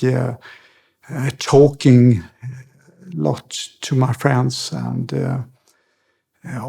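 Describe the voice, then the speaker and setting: A middle-aged man from Sweden with a Swedish accent, a podcast guest telling his life story in a halting way with many pauses and fillers. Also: medium pitch, vocal fry, mellow, breathy edge. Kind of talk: personal interview.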